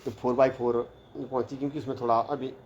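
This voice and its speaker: Casual male vlogger, middle-pitched, rambling storyteller; slightly muffled lo-fi recording with faint background hiss. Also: level tone, quick pace, a little mellow. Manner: rambling, chatty, repeats "bola" and "bhai". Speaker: hostel mess teacher. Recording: slightly dull lo-fi audio with faint background noise.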